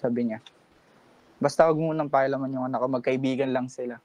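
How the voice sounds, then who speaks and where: A man in his twenties from the Pampanga region, calling in to a late-night radio show and politely, calmly recounting a personal confrontation while quoting what others said. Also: mid-range voice, fast talker, low-quality recording. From Pampanga, Philippines. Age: 20s. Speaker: caller.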